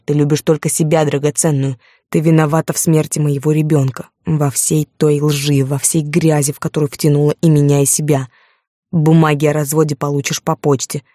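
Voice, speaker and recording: A woman's voice: deep voice, mellow, no room sound, clean studio sound. A woman reading an audiobook, voicing a cold, contemptuous man who speaks in curt, commanding phrases.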